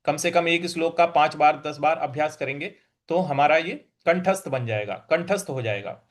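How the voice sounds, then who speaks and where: A man teaching verse recitation, chanting lines slowly and then explaining pronunciation in quick asides. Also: fairly high pitch. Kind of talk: Sanskrit recitation lesson.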